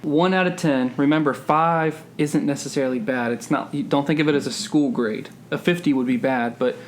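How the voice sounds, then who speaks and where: A woman hosting a casual family movie-review podcast, leading the talk with steady, structured questions. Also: a bass voice, moderate pace, slight background noise. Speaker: podcast host and parent.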